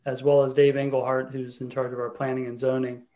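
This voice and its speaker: Mayor chairing a council video call: man, flat monotone delivery, halting with fillers. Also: mid-range voice, dull audio.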